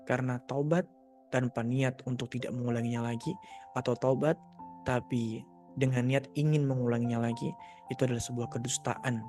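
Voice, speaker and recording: Soft music plays behind a brisk man whose mid-range voice is fairly even in intonation and darkish in tone. He mentors youth in a live Q&A, reading questions out and offering casual, blunt advice, with mock voices for quotes.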